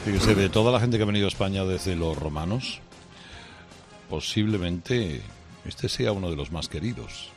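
A male radio host trades wry asides with his co-hosts while music plays clearly in the background. His voice sits on the low side. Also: expressive, moderate pace. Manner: wry, conversational.

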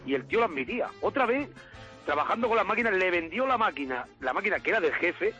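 Male radio caller, very fast talk, bright voice, acts out quotes, faint music underneath. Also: high voice, dull audio. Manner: animated storyteller, acts out quoted dialogue. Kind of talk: telling an anecdote on a call-in show.

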